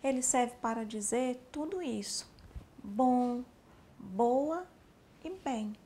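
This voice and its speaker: Slow, explanatory woman teaching signs. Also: on the high side, animated, dark tone, slight background noise. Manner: slow, explanatory, addressing the learner directly. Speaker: sign language teacher. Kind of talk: spoken instruction for a sign language lesson.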